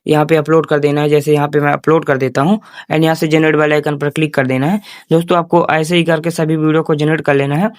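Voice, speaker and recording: In this casual screen tutorial, a man with a fairly high voice walks viewers through each step, calling them friends and repeating the same instructional phrases. He delivers it in a very even tone, recorded close and dry with no echo.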